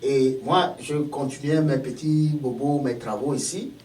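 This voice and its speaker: A man's voice: mid-range voice, unhurried. A man from Togo with a Togolese accent, a guest explaining ideas through everyday examples in a casual talk. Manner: animated, explains with worked examples. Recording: echoey room, far from mic.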